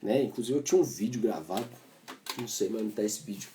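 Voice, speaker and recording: A man's voice: lowish voice, animated, fast, dark tone, a little hiss or hum. A Brazilian man teaching cavaquinho in a casual, chatty way, explaining as he plays and tagging his sentences with little fillers. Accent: Brazilian Portuguese. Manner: chatty, explains while playing, many filler tags. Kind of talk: casual music lesson. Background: cavaquinho playing.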